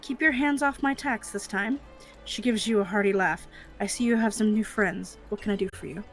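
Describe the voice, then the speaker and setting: A hearty little gnome woman minds her stall and haggles briskly over pelts, voiced by a woman. She sounds cheerful and shrewd, speaking at a middling pitch. Faint music plays underneath. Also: close to an everyday voice, rough recording.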